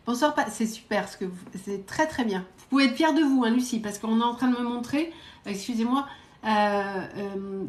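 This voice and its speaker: A woman psychic medium giving quick readings to viewers during a live stream, direct and coaxing, often adding little verbal tags. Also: medium pitch, darkish tone, reverberant. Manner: brisk, direct, coaxing, peppered with "hein" and "euh".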